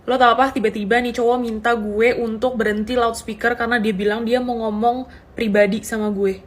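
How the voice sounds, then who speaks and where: Picture a young woman telling a story on a casual podcast. Her voice sits a little high. She talks in slang and retells everything with animated, dramatic flair. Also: brisk.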